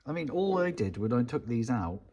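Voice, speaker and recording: A man's voice: medium pitch, sing-song, fairly quick, a little mellow. A man, chatting casually while he works in a cold garage, thinking aloud and tossing asides to his viewers. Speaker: motorcycle restoration vlogger.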